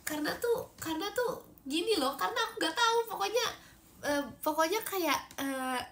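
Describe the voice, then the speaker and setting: A woman's voice: very high-pitched, normal speed. A young woman from Indonesia, stuffy from a cold, chatting animatedly on a phone livestream and thanking viewers for gifts. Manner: chatty and animated, frequent fillers. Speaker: idol livestreamer.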